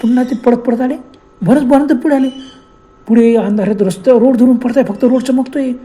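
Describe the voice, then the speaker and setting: A man's voice: extremely high pitch, steady tone, fairly quick, warm tone. A man telling a horror story with a dramatic, suspenseful delivery.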